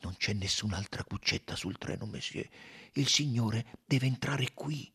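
A man's voice: on the high side, sing-song, moderate pace, a little mellow, slightly rough, voice pushed up. A man voicing a deferential, apologetic male train conductor.

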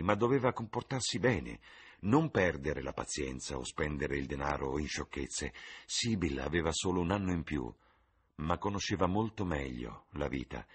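A man narrating a classic novel as an audiobook, in a measured, expressive manner. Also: very deep voice, breathy edge. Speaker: reader.

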